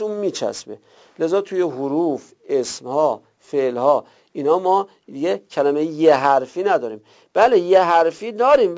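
Gravelly-voiced man teaching grammar, lo-fi. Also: on the high side, a little mellow. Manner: reads Arabic text aloud then explains it in colloquial Persian. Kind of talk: seminary-style grammar lesson. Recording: dull lo-fi recording.

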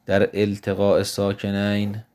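Male grammar teacher, very low voice, patient and methodical, poses questions then answers them. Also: monotone, a little mellow. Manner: patient, explanatory, asks and answers his own questions; slows down to spell out example words. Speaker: teacher of Arabic morphology. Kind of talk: recorded grammar lesson.

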